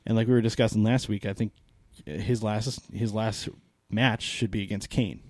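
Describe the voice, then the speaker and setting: Low, mellow-voiced man chatting wrestling. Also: fairly even intonation, normal speed, no room sound, clean studio sound. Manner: rambling, hesitant, many restarts. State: losing his voice. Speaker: podcast co-host. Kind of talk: casual wrestling chat.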